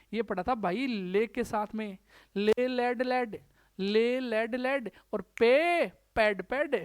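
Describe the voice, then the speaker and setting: A man's voice: very high-pitched, clean tone, dry recording. Guy from india teaching english grammar, rajasthani hindi accent, keeps repeating the verb forms, calls the class brother, clean dry mic. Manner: drills word forms aloud by repetition; chatty, addresses students as brother. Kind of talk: classroom lecture.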